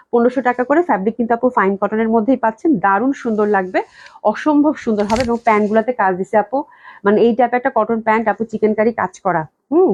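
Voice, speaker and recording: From inside her company office, a clothing shop owner runs a live online sale of dresses, gushing with enthusiasm and praising the items again and again. She's getting over a cold and coughs repeatedly; her voice is fairly high and a little mellow, and the audio is dull.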